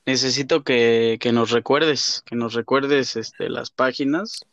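A man's voice: medium pitch, fairly even intonation, slow, fairly bright tone, no room sound, muffled recording. A man with a Mexican accent chatting playfully in slang and swearing as a football podcast co-host. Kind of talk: casual football banter.

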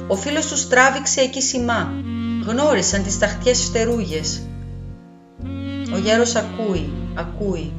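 A woman reading a literary story aloud in a calm, measured way. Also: mid-range voice. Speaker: audiobook reader. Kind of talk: literary narration. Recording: roomy, dull, with faint music.

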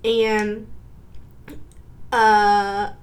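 A woman, co-hosting a casual couple's podcast in a relaxed, easygoing way. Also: mid-range voice, extremely slow. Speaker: podcast co-host.

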